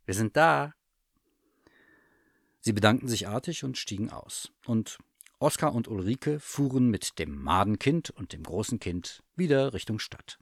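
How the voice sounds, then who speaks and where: A man narrating a children's story aloud in an animated reading voice. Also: fairly low pitch, no room sound, clean studio sound.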